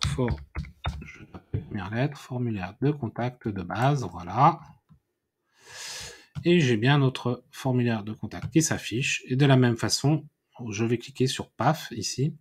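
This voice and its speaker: Slow husky man explaining software. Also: medium pitch. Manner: unhurried, thinking aloud with many fillers and self-corrections. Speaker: WordPress tutorial instructor. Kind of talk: screen-recorded software tutorial.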